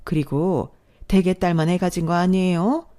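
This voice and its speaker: A woman voicing a rich, sharp-tongued older mother-in-law in a haughty, scornful manner, read as storybook dialogue. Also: on the low side, steady tone, moderate pace, natural voice.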